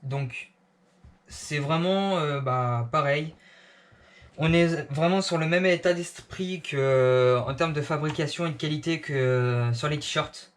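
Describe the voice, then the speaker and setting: Slow, hesitant man reviewing clothes. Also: a little high. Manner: hesitant, many fillers and restarts. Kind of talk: casual product review.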